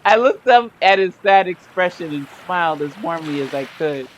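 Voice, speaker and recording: A woman's voice: on the low side, expressive, normal speed. A sleepy woman reading and commenting on a story game, with sassy, joking asides. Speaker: game streamer. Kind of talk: casual let's-play commentary.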